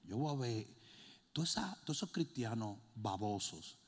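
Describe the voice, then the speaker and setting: Man, preacher, high gravelly voice, shouting and joking, long hall reverb. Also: normal speed. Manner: animated, jokey, swings between shouting and mimicking. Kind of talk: sermon.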